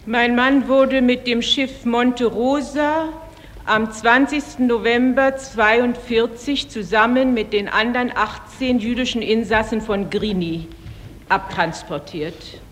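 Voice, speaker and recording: Slow, matter-of-fact woman witness. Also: on the high side. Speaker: witness giving testimony. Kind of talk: archival testimony. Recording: old archival recording in a hall with faint noise.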